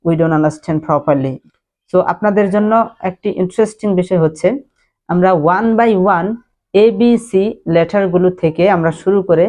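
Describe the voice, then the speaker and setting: Low mellow-voiced woman teaching pronunciation. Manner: slow drilling repetition of words; mixes Bengali with English phrases. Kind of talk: spoken English lesson.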